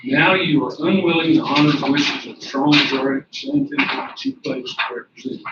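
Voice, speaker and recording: Man, public commenter. Soft-spoken, formal letter reading; slightly high voice, far from the mic in a roomy space. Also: very animated, a little fast. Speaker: public commenter at county court. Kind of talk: reading a prepared letter aloud. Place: county commissioners courtroom. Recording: echoey, distant, dull and noisy.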